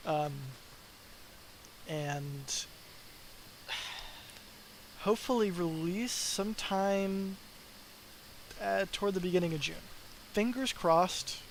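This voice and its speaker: Casting: young male dev streamer, slightly high voice, loose and rambling, light hiss behind. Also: slow, pauses often, low-quality recording. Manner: rambling, filler-heavy, tired. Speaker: mod developer streamer. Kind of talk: casual live stream chat.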